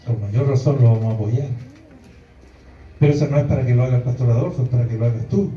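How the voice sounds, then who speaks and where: A man's voice: medium pitch, fast talker, mellow. A man preaching a sermon to a congregation, emphatic and often breaking into exclaimed quotes. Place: church hall before a congregation. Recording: distant, echoey, dull hall recording with faint music.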